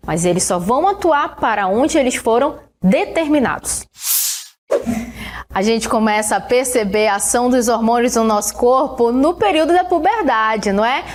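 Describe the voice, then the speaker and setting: A woman teacher with a Brazilian Portuguese accent giving a recorded science lesson, explaining step by step and often checking in with her students. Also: a little high. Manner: explains slowly, checks in with "né?" and "tá bom?".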